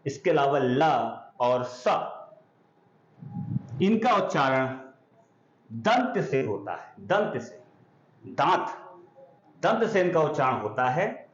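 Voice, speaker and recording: A man teaching an exam-prep grammar lesson, patiently spelling out sounds and often asking if it is clear. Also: fairly high pitch, sing-song, slow pace, pauses often, slight background noise. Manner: explains patiently, drawing out sounds and checking understanding. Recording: echoey room, dull lo-fi sound.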